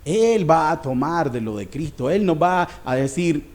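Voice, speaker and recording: A male pastor preaching a sermon, swinging between raised passages and hushed ones. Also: fairly high pitch, expressive, unhurried.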